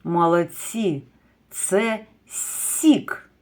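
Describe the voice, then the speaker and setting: Slow, patient kindergarten teacher woman. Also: lowish voice. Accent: Ukrainian. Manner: drawn-out word-by-word dictation with gentle praise. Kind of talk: slow, deliberate lesson for young children.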